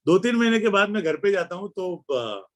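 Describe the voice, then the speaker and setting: Man, middle-aged, guest speaker; anecdotal, acts out dialogue, voice sits a little high. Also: very animated, normal speed. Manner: storytelling, acting out dialogue. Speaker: guest speaker at a club meeting. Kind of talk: anecdotal speech. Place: meeting hall.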